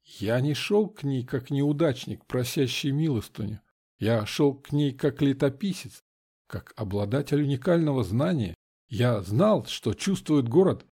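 A man reading a first-person audiobook in a measured, dramatic way. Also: medium pitch, expressive, dark tone, breathy edge. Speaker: audiobook narrator.

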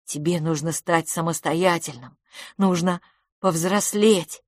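A woman's voice: on the low side, slow, no echo, clean studio sound. A woman voicing a frail, bitter boy. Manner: bitter, sighing, subdued. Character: boy Philipp, frail, sickly, bitter, weary.

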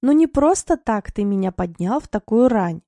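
A woman's voice: medium pitch, expressive, normal speed, vocal fry, mellow, no echo, studio quality. A woman reading an audiobook, voicing a sleepy wife who grumbles and complains in jest. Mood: grumbling. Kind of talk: audiobook narration.

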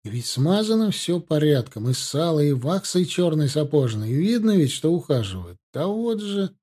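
A man's voice: fairly high pitch, very animated, moderate pace, mellow, voice pushed up. A man voicing a male army officer who grumbles in an indignant, folksy way.

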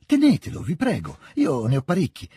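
A man voicing an eager, excitable teenage boy officer who talks in a rush, in a storybook reading. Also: mid-range voice, slightly rough, no room sound, clean studio sound. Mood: excited. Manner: rushed, overeager, generous.

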